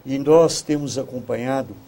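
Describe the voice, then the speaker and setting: A man speaking as a guest commentator in a talk show debate, measured and formal. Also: medium pitch, warm tone.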